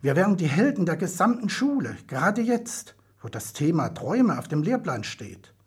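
A man's voice: fairly high pitch, very animated, moderate pace, husky, full character voice. A man voicing a pushy, stubborn young kobold girl in an audiobook, needling and insistent. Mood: eager.

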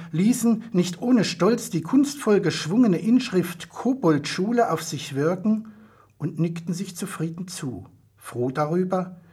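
A man reading a children's story aloud as narrator, with expressive storytelling. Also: fairly high pitch, breathy edge. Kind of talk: audiobook reading.

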